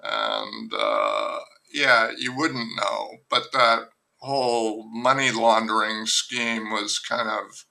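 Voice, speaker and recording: With a lowish voice marked by vocal fry, an older man talks at a slow pace, captured in poor audio. He's a novelist visiting a relaxed podcast, and his wry, meandering speech is full of fillers and restarts.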